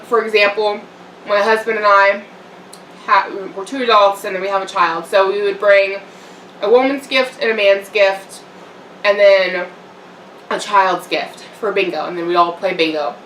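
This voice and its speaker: In an eating show filmed in a home room, a young vlogger rambles casually, dropping in fillers and small laughs. She has a mid-range, slightly bright voice with fairly even intonation, a measured pace, and long pauses. The recording picks up room echo and slight background noise, with the mic somewhat distant.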